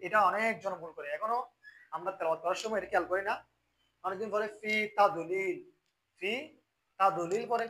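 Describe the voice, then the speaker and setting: A man with a Bangladeshi Bengali accent teaching Quran recitation, explaining the rules and then chanting the verses slowly and loudly. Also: sits high, low-quality recording.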